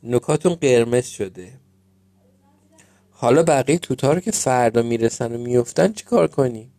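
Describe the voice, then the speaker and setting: A man voicing a gentle, grateful old fruit tree in a storybook tale, speaking slowly and softly. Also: mid-range voice, animated, gravelly, dry recording. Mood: warm.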